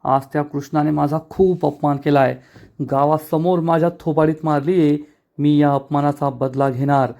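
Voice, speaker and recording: A man's voice: a little high, fairly even intonation, moderate pace, warm tone, close to an everyday voice. A man voicing a spiteful, scheming young woman from a TV serial, scolding and indignant. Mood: angry.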